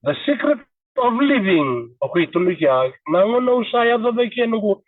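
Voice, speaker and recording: A man's voice: high voice, very animated, moderate pace, no room sound, narrow, tinny audio. Fijian man, 30s, podcast guest; earnest, code-switching, distant dry sound. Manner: earnest, switching between languages. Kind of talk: casual chat.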